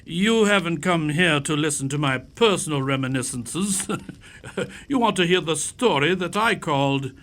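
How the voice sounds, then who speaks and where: A man playing genial old Doctor Watson, lively high-pitched. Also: moderate pace. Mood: genial, reminiscing. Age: older. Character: genial older doctor, loyal companion reminiscing over old cases. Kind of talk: radio-play acting and storytelling.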